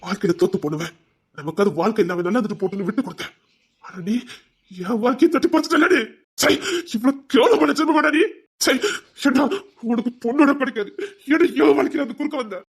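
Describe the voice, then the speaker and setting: An actor playing a bitter, vengeful man who swears revenge in a TV serial, threatening, at times shouting and at times sobbing. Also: rapid-fire, husky. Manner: bitter, menacing, swings loud to low. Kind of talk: TV serial drama.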